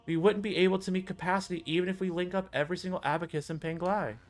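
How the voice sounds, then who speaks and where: Man voicing a high, hesitant old lady scientist. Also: steady tone, quick pace, lightly acted. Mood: hesitant, reassuring. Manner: hesitant, earnest. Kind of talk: video game character dialogue read aloud.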